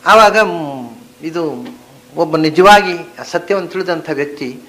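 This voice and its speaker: A man, teaching a scripture discourse, chanting verses and then explaining them, moving from soft murmurs to emphatic stresses. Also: on the high side, takes it slowly, low-quality recording. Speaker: spiritual teacher.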